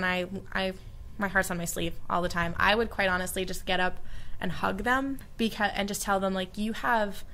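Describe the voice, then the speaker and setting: A young American woman, a study abroad alumna, shares earnest, heartfelt reflections in an interview, using frequent fillers. Her voice is mid-range and a bit bright.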